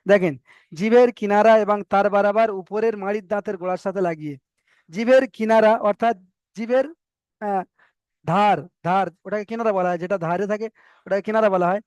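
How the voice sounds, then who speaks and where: High-voiced man teaching Quran recitation. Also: steady tone, a little fast, darkish tone, smooth, no echo. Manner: patient, repeats and drills sounds for students. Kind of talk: online tajweed lesson.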